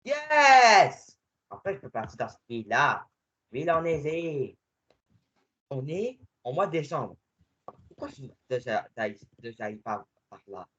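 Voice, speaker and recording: Man, gaming commentary, bouncy voice swinging all over, dull lo-fi sound. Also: mid-range voice. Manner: excitable, quick swings between muttering and shouting. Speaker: gamer playing with a friend.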